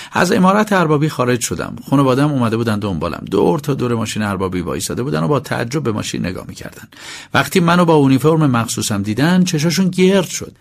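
A man's voice: medium pitch, gravelly. A man reading a novel as an audiobook, telling a first-person story. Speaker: narrator. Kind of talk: audiobook narration.

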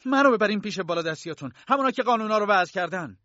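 A man voicing an indignant arrested bank clerk in his thirties, protesting in a shrill, outraged way in a storybook reading. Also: expressive, vocal fry, breathy edge, dry recording, dull audio. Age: 30s.

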